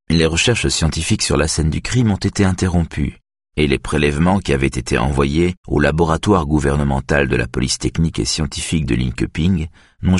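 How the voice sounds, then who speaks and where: Very deep, husky male audiobook narrator. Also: no echo, clean studio sound. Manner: steady, even reading. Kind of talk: scripted narration.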